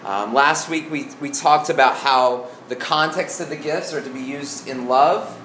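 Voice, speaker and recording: A male pastor with a Southern accent from Arkansas teaches in an informal, folksy way. His mid-range voice moves haltingly, doubling back on the openings of phrases. The room rings with echo, and a faint noise sits behind him. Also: medium pitch, fairly bright tone. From Arkansas, United States. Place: indoor room before a congregation.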